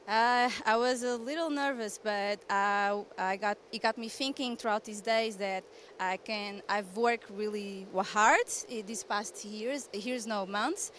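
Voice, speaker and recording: A woman with a Portuguese accent giving a casual post-heat interview, halting and correcting herself in simple phrases. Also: mid-range voice, a bit bright. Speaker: athlete interviewed after winning a heat. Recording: faint outdoor ambient noise.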